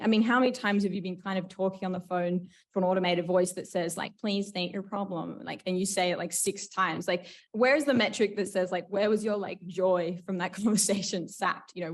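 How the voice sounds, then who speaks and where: A woman presents a paper at a conference, her voice slightly low and picked up from a distance in a function room. She talks casually, padding her points with fillers. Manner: casual, frequent fillers like "like" and "sort of". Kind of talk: academic conference talk.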